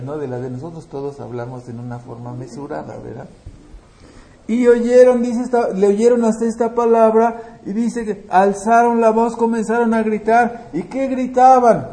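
A man preaching a sermon. He asks the congregation questions and answers them himself, and he swings between loud emphasis and quiet asides, with frequent restarts. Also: high-pitched, echoey room, slight background noise, rough recording. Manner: frequent restarts and checking "¿verdad?".

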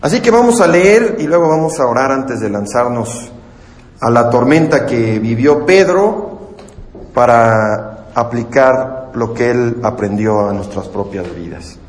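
A man preaching a sermon and reading scripture, in an earnest, measured teaching manner. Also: mid-range voice, lively intonation. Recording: echoey hall with long reverb.

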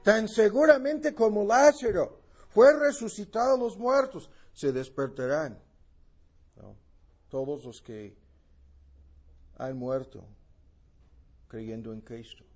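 A man preaching a sermon, explaining a Bible passage slowly and with emphasis, repeating key phrases for his listeners. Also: high-pitched, lively intonation, darkish tone, slightly rough.

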